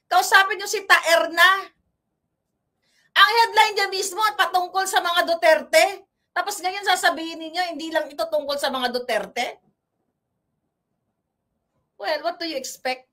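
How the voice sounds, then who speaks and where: A woman's voice: very high voice, bright, forceful tone. A woman from the Philippines doing casual political commentary, mocking and combative, talking straight to her viewers.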